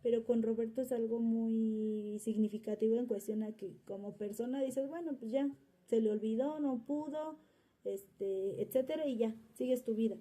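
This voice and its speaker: A woman's voice: a little high, moderate pace, dark tone. A woman, a mother answering interview questions in a rambling, casual way with many fillers and restarts. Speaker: mother of interviewee's subject child.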